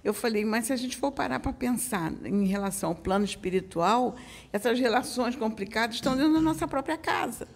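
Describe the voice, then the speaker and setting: A woman's voice: a little high, lively intonation, brisk, slightly rough. A woman chatting casually, hesitant, with many restarts. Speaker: co-host, medium's wife. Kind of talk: casual chat.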